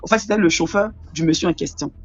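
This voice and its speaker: A woman's voice: lowish voice, fast, darkish tone, muffled recording, faint music behind. A woman caller rambling through a personal dream story, full of fillers and restarts. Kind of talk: telling a personal dream story on a call-in show.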